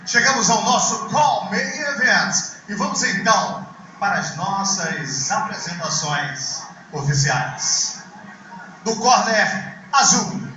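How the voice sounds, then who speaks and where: Male Brazilian ring announcer, bombastic fight-promoter delivery, swooping pitch, muffled distant arena mic. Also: very echoey. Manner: bombastic, drawn-out shouted names.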